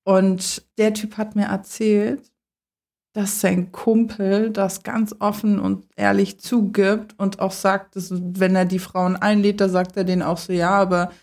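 A woman co-hosting a podcast, chatting casually and telling a story in an animated, outspoken way. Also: mid-range voice, unhurried, creaky. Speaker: podcast co-host. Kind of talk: casual chat.

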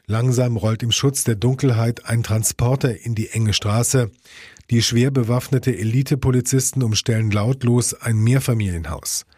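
A man's voice: medium pitch, a little mellow, breathy edge, no room sound, studio quality. A man narrating a dramatic news report in a tense, scripted read.

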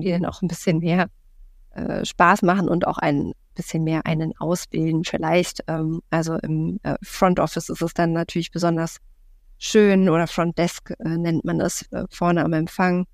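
A woman's voice: lowish voice, level tone, dry recording. Woman in her thirties, dry close sound. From Berlin, Germany. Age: 30s. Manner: thoughtful, many filler sounds and pauses. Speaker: podcast guest, real estate investor. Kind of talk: casual interview talk.

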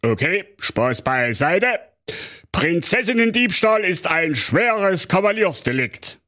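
A pompous fairy-tale police inspector, played by a man, who speaks in a raised, slow, self-satisfied drawl. He lays out each point with bureaucratic smugness in a comic audio story. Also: sits high, sing-song, bright, forceful tone, voice pushed up, heavily acted. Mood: officious. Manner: drawling, know-it-all, bureaucratic.

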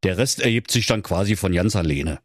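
A man's voice: sits low, expressive, brisk, slightly rough, no echo, studio quality. A man voicing a scheming male Mettigel in a comic radio fairy tale, with a Berlin accent and a smug, slangy way of talking. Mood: sly.

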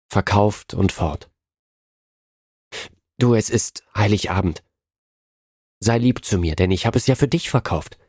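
A man's voice: sits low, vocal fry, a little mellow, breathy edge, no echo, clean studio sound, full character voice. A man reading a storybook voices a young wife who pleads with her husband through tears and then turns tender. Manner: sobbing, pleading.

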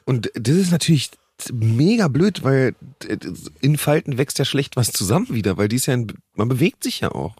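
A man's voice: mid-range voice, very animated, moderate pace, hardly any pauses, darkish tone, breathy edge, dry recording. A man co-hosting a podcast, talking candidly in a rambling casual chat. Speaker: podcast co-host.

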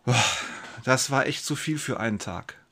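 A man's voice: mid-range voice, normal speed, pushed and bright. A man playing a pious, anxious young carpenter, telling his story in first person with emotional swings between brooding and outbursts.

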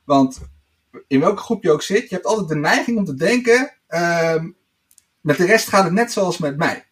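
A man's voice: high-pitched, expressive, moderate pace, fairly bright tone. A man, a guest in a casual interview, talking hesitantly with many filler sounds. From Netherlands. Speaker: podcast guest.

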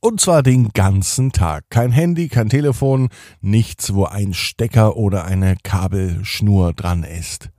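A man gently narrating a bedtime story and talking straight to children. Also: fairly low pitch, slow, no room sound, clean studio sound. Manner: gentle, addresses children directly.

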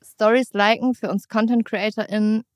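A woman co-hosting a casual podcast chat, teasing and talking in quick bursts. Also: a little high, little pitch movement, no echo, clean studio sound. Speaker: podcast co-host.

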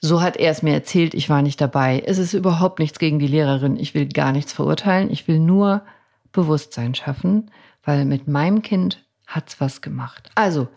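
A middle-aged woman with a low voice and plenty of vocal fry tells a personal story as a podcast host. She talks in a reflective, conversational way and restarts often. Her voice has a gravelly edge. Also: moderate pace, a little mellow. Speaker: doctor and mother.

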